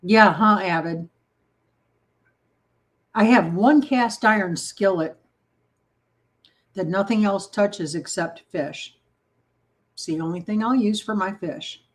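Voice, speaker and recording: A woman's voice: medium pitch, slow pace, pauses often. Casual woman host on a home baking stream, friendly chat with viewers, encouraging and playful. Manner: chatty, reads and answers viewer comments.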